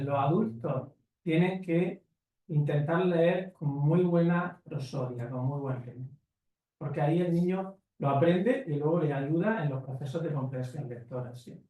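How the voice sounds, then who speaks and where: A man's voice: on the high side, distant mic, phone-quality sound. Emphatic man lecturing in an echoey hall. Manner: emphatic, lecturing with rhetorical tags. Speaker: conference panelist. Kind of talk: conference talk answering questions. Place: conference hall.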